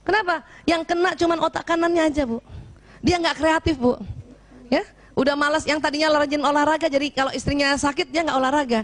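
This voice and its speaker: A woman giving a lively talk to an audience of women, animated and often checking in with her listeners. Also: high voice, a little fast. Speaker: speaker addressing women.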